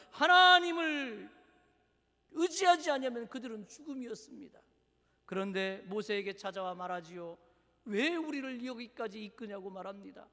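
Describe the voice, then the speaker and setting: A man preaching a sermon as pastor, dramatic, swinging from loud declarations to hushed near-whispers. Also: very high-pitched. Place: church sanctuary. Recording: church hall with long reverb.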